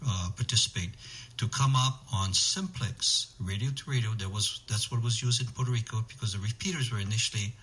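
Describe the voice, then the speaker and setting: A man's voice: fairly low pitch, fairly quick, fairly bright tone, poor audio. A man being interviewed on the radio, explaining things methodically and listing points in short phrases. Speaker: interview guest, amateur radio emergency organizer.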